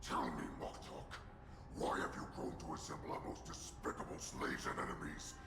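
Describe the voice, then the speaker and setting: An actor playing a massive ancient wolf warlord in a game cutscene, slow, grandiose and commanding, with a growling voice. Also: male voice, huge pitch swings, heavily acted. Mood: imperious. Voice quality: deep gravelly growl. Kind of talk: dramatic game cutscene acting. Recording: echoey hall reverb, background noise.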